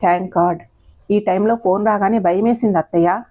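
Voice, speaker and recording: A woman's voice: medium pitch, fairly even intonation, warm tone, lo-fi sound, lightly acted. A woman voicing an anxious, polite young son-in-law who speaks in a worried rush in an audio story. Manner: worried, hurried.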